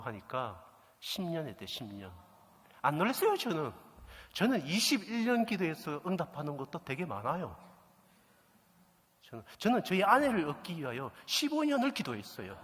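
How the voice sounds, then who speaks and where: A middle-aged man preaching a sermon, telling a story and acting out the dialogue with lively energy. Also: medium pitch. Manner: animated storytelling, acts out quoted dialogue. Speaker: pastor. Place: church sanctuary. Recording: echoey church hall reverb.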